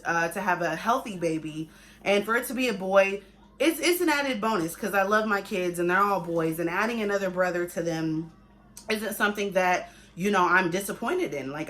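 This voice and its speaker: Young female mom vlogger, mid-pitched, casual and conversational update to viewers, restating points for emphasis. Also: sharp tone. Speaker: family vlogger, pregnant mother.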